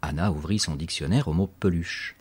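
Narrator: man, deep-voiced and breathy, expressive storybook reading. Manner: expressive reading, spells words out slowly. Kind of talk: audiobook narration.

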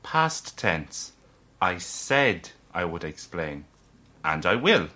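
Sly little leprechaun. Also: male voice, sits low, heavily acted. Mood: sly, patient. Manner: lively, drawn-out, correcting. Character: small male leprechaun, sly and patient. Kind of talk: audiobook character voice.

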